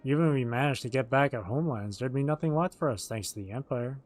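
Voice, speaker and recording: A man's voice: mid-range voice, fast talker. A man streaming a game, reading its written dialogue aloud and acting it out as he goes. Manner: acts out the written dialogue as they read.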